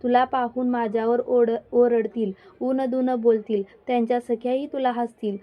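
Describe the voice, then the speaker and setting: A woman's voice: a little high, flat delivery, moderate pace, lightly acted. A woman voicing a palace maid who talks in a polite, questioning way, in a dull lo-fi recording. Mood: cautious.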